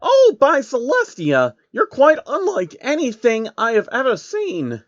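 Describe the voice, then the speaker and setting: A man voicing a gentle, lonely female alicorn princess in a soft falsetto for a fan story. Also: wildly swooping pitch, unhurried, no room sound, dull audio, exaggerated voice. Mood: gentle concern.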